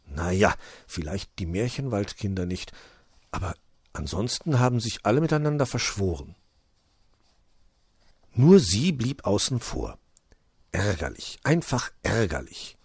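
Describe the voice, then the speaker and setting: Male narrator for a children's audio story, lively delivery, dry close sound. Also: fairly low pitch, a little slow, long pauses, husky, no echo. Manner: expressive, storytelling.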